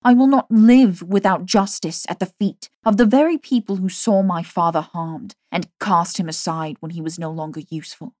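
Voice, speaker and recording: A woman's voice: lowish voice, fairly even intonation, unhurried, dark tone, dry recording, clean studio sound. A woman doing Jamie, a bitter vengeful young woman. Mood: cold. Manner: scornful, cutting.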